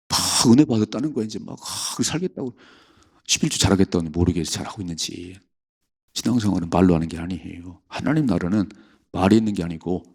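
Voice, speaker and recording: A man pastor preaching a sermon at a church, emphatic, with sudden high exclamations. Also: gravelly, a little mellow, slightly rough. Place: church sanctuary.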